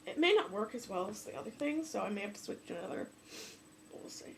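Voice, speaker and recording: A woman's voice: medium pitch, big pitch swings, fast, vocal fry, a little hiss or hum. A young woman with a stuffy nose, chatting casually and apologetically to her viewers from home, with lots of fillers. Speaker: vlogger. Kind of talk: casual talk to camera. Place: home room, off camera.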